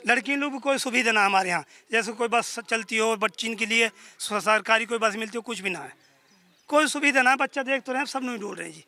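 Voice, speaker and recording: Villager man, Mewati accent, sharp high voice, earnest complaints. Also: brisk, no room sound. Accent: Mewati Haryanvi. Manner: earnest, aggrieved, rustic dialect speech. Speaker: villager interviewee. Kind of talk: complaining interview answers. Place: outdoors in a village.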